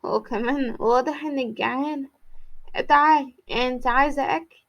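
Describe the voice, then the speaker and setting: A soft-spoken, caring mother in middle age, put on by a woman reading a story. She talks in an Egyptian accent, coaxing and tender, on a fairly high pitch. The audio is dull and lo-fi. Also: moderate pace. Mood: concerned. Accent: Egyptian Arabic.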